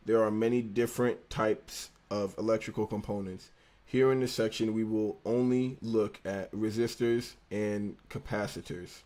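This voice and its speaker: Studying engineering on a casual livestream, a young man from the United States reads his textbook out loud, tripping over lines and going back to reread them. He has a slight lisp and a lowish, slightly mellow voice, with a laid-back, slangy manner.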